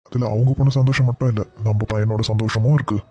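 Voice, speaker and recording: A man voicing a calm, reassuring grown man in a cartoon web series. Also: lowish voice, fast, natural voice. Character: adult man, calm steady family elder brother. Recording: dull lo-fi recording.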